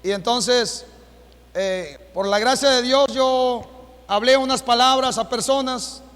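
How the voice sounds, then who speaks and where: A Mexican man preaching a sermon as pastor, with a Mexican Spanish accent, asking the congregation rhetorical questions and rising to shouts. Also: very high-pitched, slow pace. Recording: long hall reverb.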